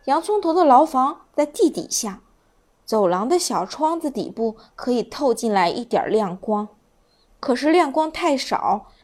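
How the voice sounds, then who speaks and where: A woman reading a children's story aloud, slowly and gently, drawing out her words. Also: high voice. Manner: slow, gentle, drawn-out.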